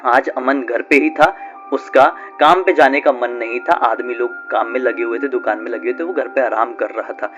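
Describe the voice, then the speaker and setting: A man's voice: mid-range voice, moderate pace, fairly bright tone, lo-fi sound, soft background music. A man telling a horror story in a casual, chatty way, full of fillers. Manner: chatty, conversational, with frequent fillers.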